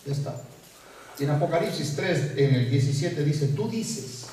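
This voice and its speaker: A man preaching in a church, heard from some distance in a very echoey hall. His pitch sits a bit high, and he tells stories with animated humor. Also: moderate pace, a little hiss or hum. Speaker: pastor. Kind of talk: sermon.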